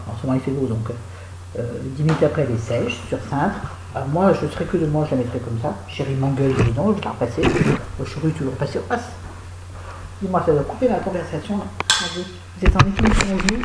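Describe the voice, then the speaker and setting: A woman's voice: low voice, reverberant, background noise. A woman chatting casually to camera from her home, rambling and self-mocking with frequent restarts. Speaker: vlogger. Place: room at home.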